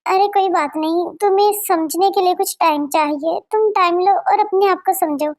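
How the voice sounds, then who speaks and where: A high-voiced dubber doing an easygoing young male friend. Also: moderate pace. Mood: coaxing. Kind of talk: Hindi fan dub.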